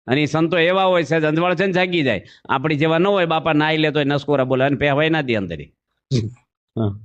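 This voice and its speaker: Male monk preacher, fairly high voice, folksy storytelling that quizzes the crowd; dull lo-fi recording. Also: fairly bright tone. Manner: storytelling, asks the audience questions, acts out voices. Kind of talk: folksy sermon with anecdotes.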